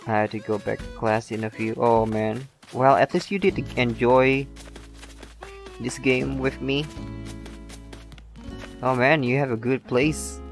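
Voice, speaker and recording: A young Indonesian man streams a game, talking slowly in a mid-range voice as he reads viewer comments. His casual chat is halting, full of restarts and laughter. He's off-axis to a shotgun mic, with faint game music behind him.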